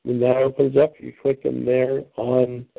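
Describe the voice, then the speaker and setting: Gravelly man hosting over a phone line. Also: mid-range voice, monotone, measured pace, no echo. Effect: heard over a phone line. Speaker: host of a conference call. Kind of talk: answering questions on a call. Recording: tinny phone line, dry.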